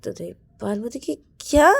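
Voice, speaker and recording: A woman narrating a story in a quiet, casual way, tying it together with repeated linking words. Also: fairly low pitch, monotone, normal speed, gravelly.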